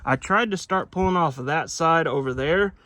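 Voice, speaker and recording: A man with a slightly higher voice chats to his viewers while he works in a garage. He rambles, filling gaps with "uh" and "um" and correcting himself as he goes. A faint hiss of noise sits under the voice. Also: normal speed, bright, forceful tone. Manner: rambling, many fillers and self-corrections. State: out of breath. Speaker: vlogger restoring a truck. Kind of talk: casual talk to camera while working.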